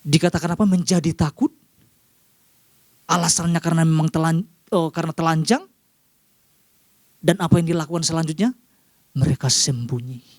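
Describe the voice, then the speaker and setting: A man with an Indonesian accent preaching a sermon to a congregation, often calling out to them and rising sharply in pitch for emphasis. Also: fairly even intonation, moderate pace, pauses often, no room sound, clean studio sound.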